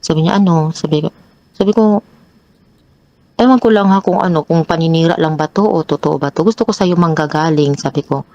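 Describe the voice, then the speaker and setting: A woman telling her own troubled story as a guest, hesitant and halting with many restarts. Her pitch jumps up sharply when she relives an argument. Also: dark tone, no echo, lo-fi sound. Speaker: guest sharing a personal story. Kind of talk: confessional personal storytelling.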